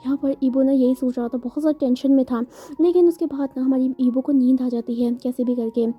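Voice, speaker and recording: A woman's voice: high voice, fairly even intonation, brisk, slightly rough. A woman narrating a story in a chatty, casual way, often correcting herself. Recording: dull lo-fi sound, faint music.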